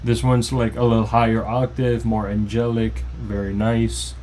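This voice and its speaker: With a lowish voice, normal speed and little pitch movement, a music producer talks through his own song in an informal tutorial. His explaining is loose, with restarts, and faint music plays behind him.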